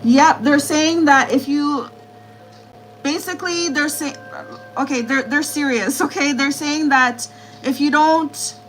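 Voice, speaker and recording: Woman, high voice, live tarot reader; reassuring, repetitive delivery over faint music. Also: a little slow, a bit bright, rough recording. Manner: repetitive, reassuring, relays spirit messages. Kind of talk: live-stream tarot reading.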